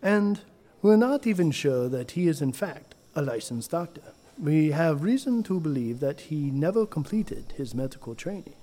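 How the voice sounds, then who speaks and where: A stern, disdainful doctor acted by a man in an audio drama, speaking in a slightly high yet mellow voice. His formal delivery is haughty and indignant. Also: animated, moderate pace. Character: stern, disdainful male doctor on review boards. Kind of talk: scripted comedy-horror audio drama.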